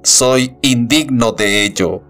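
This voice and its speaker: A booming, metallic robot prophet, put on by a male narrator in an audiobook, calm and unbending. He preaches in a very slow, measured rhythm. The tone stays smooth and resonant. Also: soft background music.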